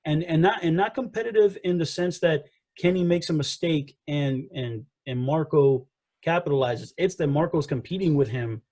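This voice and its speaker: A man's voice: a little high, moderate pace, darkish tone, low-quality recording. A man co-hosting a wrestling podcast, talking in a casual debate with many restarts and acted-out quotes.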